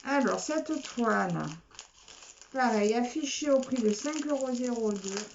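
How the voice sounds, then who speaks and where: A woman talks slowly and unhurriedly while unboxing craft kits at home, musing aloud, repeating small words and filling pauses. The recording is dull and lo-fi, with a faint hiss underneath. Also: fairly high pitch, lively intonation. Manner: chatty, repeats words, many "alors" fillers. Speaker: craft vlogger. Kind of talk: casual unboxing chat.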